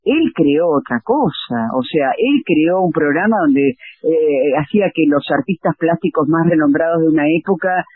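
A woman from Argentina with a Rioplatense accent, a tango singer and actress telling her stories in a lively way during a radio interview. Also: sits low, moderate pace, few pauses, breathy edge, no room sound, phone-quality sound. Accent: Rioplatense Spanish. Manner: lively anecdotal, acts out dialogue.

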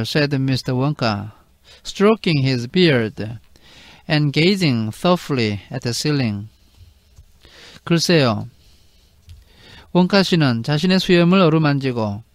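A man leads a read-aloud lesson in a fairly high voice. He reads the English lines very slowly and then gives each translation. The sound is dry and close, with no room echo. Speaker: English book reading teacher.

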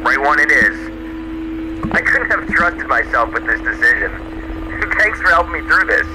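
An actor playing a lost, frightened male hiker in a video game, speaking uneasily and haltingly over a two-way radio. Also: medium pitch, very animated. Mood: uncertain, grateful. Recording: very noisy, static-filled radio transmission.

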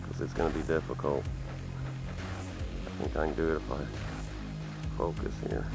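A man with a Southern US accent, talking excitedly to viewers while fishing from a creek bank, recorded on a head-mounted camera. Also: extremely low pitch, a little slow, vocal fry, loud music behind the voice. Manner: excitable, exclaiming over catches, talking to viewers. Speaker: fishing vlogger. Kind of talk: casual outdoor commentary while fishing.

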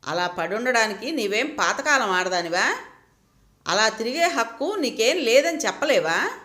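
A woman's voice: on the high side, expressive, moderate pace, sharp tone. A woman voicing an outspoken woman friend who scolds and bristles with anger. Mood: indignant. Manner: angry, scolding.

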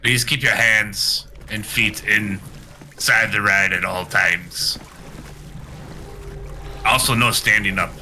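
Man as a polite ride announcer, slow and deliberate, bright tone. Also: on the low side, steady tone, faint music behind, full character voice, low-quality recording. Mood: mock-formal. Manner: slow, deliberate safety spiel. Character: theme park ride announcer, calm and polite.

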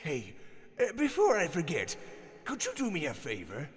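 A man voicing a weary, bitter old male hedgehog with a long gray beard in a fan audio drama, speaking in a drawn-out, tired way that slips into pleading. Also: on the high side, huge pitch swings, in a large hall, very noisy.

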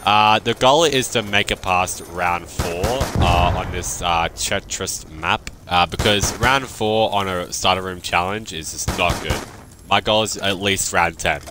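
A man's voice: low voice, unhurried, background noise. A young man, chatting and rambling freely through casual gameplay commentary, swearing now and then. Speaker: gaming youtuber.

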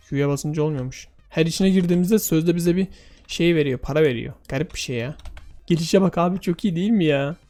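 A man casually commentating a game for his viewers, excitable and often exclaiming and laughing. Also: fairly high pitch. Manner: addresses viewers directly. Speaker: gaming video host.

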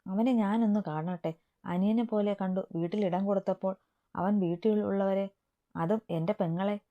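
A woman's voice: mid-range voice, brisk, lightly acted. A woman voicing a stern, protective young man who is an older brother, in a dull lo-fi recording. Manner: stern, raises voice in anger.

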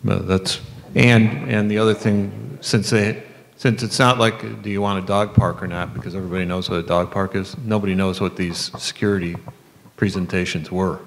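A man, a board member, asking questions in a public meeting with halting restarts. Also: on the low side, steady tone, gravelly. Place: large meeting room. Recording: long reverb, faint ambient noise.

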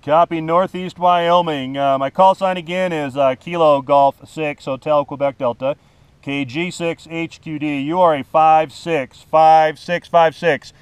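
This vlog host and amateur radio operator speaks in a slightly high voice with a steady tone and measured pace, clean and dry on his action camera. Perched outdoors atop a snowy mountain, he makes ham radio calls in a casual, slangy, laid-back way.

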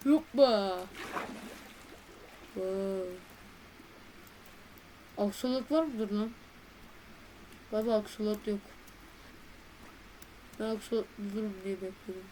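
A woman giving casual commentary while playing a game, chatty and excitable, talking to her viewers in a playful, slangy way. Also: mid-range voice, slow, long pauses, slight background noise, rough recording. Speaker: gaming video creator.

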